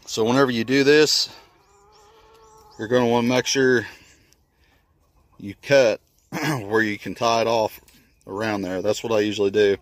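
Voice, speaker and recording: Out in a wooded yard by his chicken coop, a homesteader in his thirties builds a chicken run and films it on a handheld phone for a casual how-to vlog. His low voice has fairly even intonation, he's unhurried with long pauses, and the recording is dry. He talks in a plain, folksy way.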